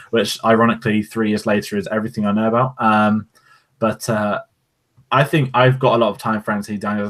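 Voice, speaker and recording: A man's voice: on the low side, a bit bright. A man co-hosting a podcast, chatting casually in a rambling, opinionated way. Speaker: podcast co-host. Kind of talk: casual chat. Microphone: podcast microphone.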